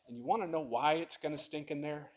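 A man's voice: a little high, fast, husky. Man preaching a conversational sermon. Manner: conversational preaching, swings to loud impassioned lines. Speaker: pastor.

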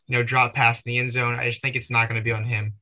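A man co-hosting a sports talk podcast. His voice is very bright and sharp, and he strings his opinions together loosely with plenty of "you know.". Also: mid-range voice, flat delivery, quick pace, low-quality recording. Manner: rambling, full of "you know" fillers. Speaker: podcast co-host.

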